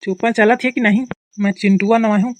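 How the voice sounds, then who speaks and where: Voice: mid-range voice, steady tone, moderate pace, no room sound, natural voice. A performer voicing a naive, simple-minded young village man with a Kanpuri accent in a cartoon comedy. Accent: Kanpuri rural Hindi.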